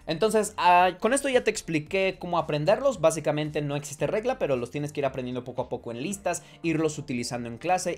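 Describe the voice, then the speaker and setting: Guy teaching english online, kinda high voice, chatty, keeps saying ok, faint music behind. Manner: casual, talks straight to the viewer, checks with frequent "¿ok?"; thinks aloud with fillers and self-corrections.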